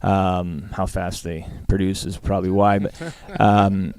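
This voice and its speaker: A man's voice: sits low, level tone, measured pace, darkish tone. A middle-aged man with a Western Canadian accent chats casually in an interview, plain-spoken and folksy. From Alberta, Canada. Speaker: guest, livestock auctioneer and former calf roper.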